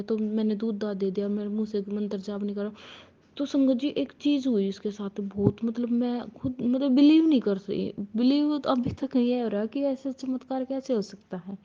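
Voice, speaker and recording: A woman, likely in her thirties, telling a personal devotional testimony to a congregation, hesitant with frequent restarts. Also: a little high. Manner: hesitant, restarts often, addresses listeners as sangat ji. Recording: dull lo-fi recording.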